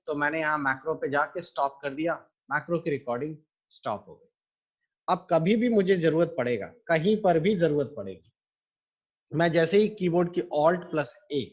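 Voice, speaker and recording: Male computer teacher for a screen-recorded lesson, patient and methodical, somewhat higher voice, muffled home mic. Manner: patient, explains step by step to students.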